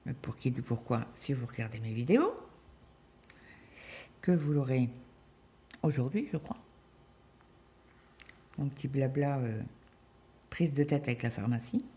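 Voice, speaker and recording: A woman's voice: extremely low pitch, measured pace, pauses often, mellow. A middle-aged woman from France, chatting casually while she cross-stitches and tells a family story, full of fillers and quoted dialogue. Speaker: crafting vlogger.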